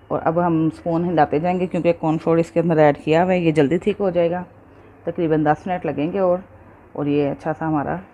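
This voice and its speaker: A woman's voice: sits low, mellow, dull audio, a little hiss or hum. A woman hosting a cooking show, patiently explaining each step and checking in with her viewers.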